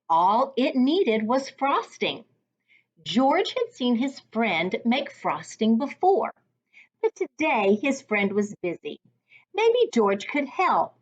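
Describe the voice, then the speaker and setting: Reading a kids' storybook like a reading coach for young children, a woman speaks expressively and deliberately. Her pitch is fairly high, and the top frequencies are cut off.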